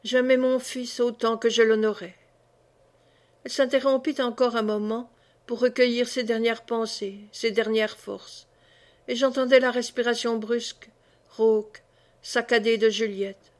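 A woman reads a historical novel aloud in a measured, sorrowful manner. Her voice sits fairly high and keeps an even, level melody. She narrates in the first person as a grieving wife. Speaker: audiobook reader. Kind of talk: literary audiobook reading.

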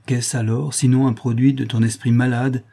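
A man's voice: medium pitch, flat delivery, moderate pace, creaky, mellow. A man voicing a composed, indignant wife. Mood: reproachful. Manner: firm, reproachful. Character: composed indignant married woman.

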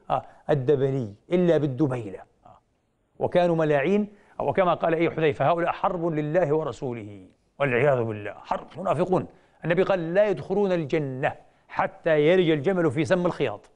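Animated fast-talking man preaching. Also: a little high. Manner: animated storytelling, slows down to quote hadith; asks rhetorical questions with drawn-out "eh". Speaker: religious lecturer. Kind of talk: televised religious lecture.

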